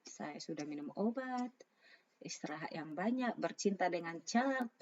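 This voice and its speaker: A woman with a raspy voice, hoarse from a sore throat, casually talking through trading analysis and mixing in English phrases. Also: fairly low pitch, animated, unhurried, a little hiss or hum. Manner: informal, mixes English phrases into talk. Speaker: trader presenting market analysis. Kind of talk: casual spoken chart commentary. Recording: dull, lo-fi microphone sound.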